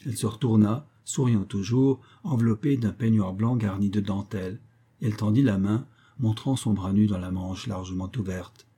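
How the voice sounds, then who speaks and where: A man narrates a classic novel in a measured, even audiobook reading. His voice is low and very dark. It carries a husky, slightly breathy texture.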